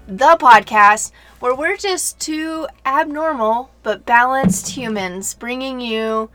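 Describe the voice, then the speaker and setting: A woman co-hosting a casual podcast, upbeat and quick to laugh and gasp. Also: a little high, bright, forceful tone, no echo, faint music behind. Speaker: podcast co-host.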